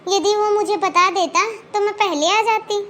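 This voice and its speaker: A woman voicing a very high, bright young wife. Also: normal speed. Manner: earnest, reproachful. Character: young married woman, earnest, devoted to family bonds. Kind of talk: Hindi cartoon voice acting.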